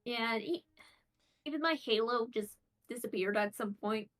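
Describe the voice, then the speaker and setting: Hesitant woman, higher voice. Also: normal speed, fairly bright tone, poor audio. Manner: hesitant, many restarts. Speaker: player. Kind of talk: tabletop role-play chat.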